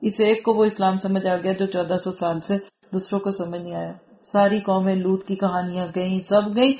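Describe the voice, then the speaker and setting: A woman's voice: medium pitch, a little mellow, a little hiss or hum. A woman from Pakistan giving a Quran commentary lecture, earnest and admonishing, reciting Arabic verses and explaining them. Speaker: Quran teacher. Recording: roomy echo.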